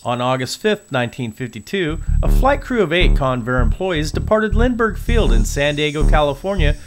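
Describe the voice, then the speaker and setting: A man giving scripted documentary narration in a steady, informative way. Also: on the high side, normal speed, noisy background. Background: music.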